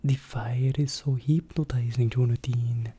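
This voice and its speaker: Casting: woman as excitable, boastful old-world vampire for ASMR role-play; dark, breathy voice, theatrical and rambling. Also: very deep voice, full character voice. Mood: entranced, doting. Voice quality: husky, breathy, slipping in and out of soft voice. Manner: theatrical, chatty, rambling, drawn-out exclamations. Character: eccentric boastful vampire Nosferatu, well-travelled and excitable. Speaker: ASMR performer.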